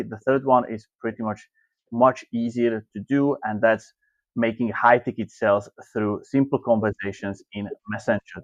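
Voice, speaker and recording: A man's voice: medium pitch, no room sound. Man, dry, muffled call audio. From Slovakia. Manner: loose, filler-heavy phrasing. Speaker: guest, marketing coach. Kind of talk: interview answers.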